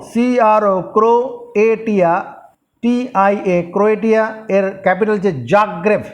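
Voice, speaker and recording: A male teacher giving a classroom geography lesson, speaking slowly and repetitively, spelling place names letter by letter and drilling the class. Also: high voice.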